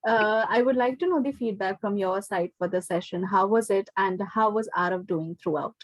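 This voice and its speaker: A woman teacher with an Indian accent speaks at a moderate pace in a medium-pitched voice, with no room sound. Giving feedback to a parent, she explains things over an indoor online class video call and keeps checking in with "okay" and "right?".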